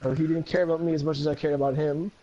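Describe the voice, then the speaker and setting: A man's voice: a little high, flat delivery, rapid-fire, mellow, slight background noise. Ranting, foul-mouthed man, muffled mic. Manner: profane, rambling and heated. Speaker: guest. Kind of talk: casual chat.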